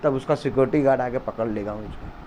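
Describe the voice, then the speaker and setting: A man preaching a fiery sermon at a home gathering, shouting and repeating lines for emphasis. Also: mid-range voice, fast talker, a little hiss or hum, rough recording.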